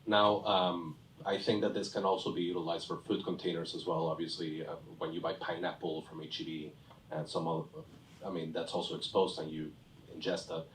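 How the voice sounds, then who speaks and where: A man with a very deep voice asks a rambling, enthusiastic question as a judge. He sounds far from the microphone in a reverberant hall. There is a faint room noise underneath. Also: level tone, brisk. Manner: enthusiastic, chatty, self-deprecating. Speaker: competition judge.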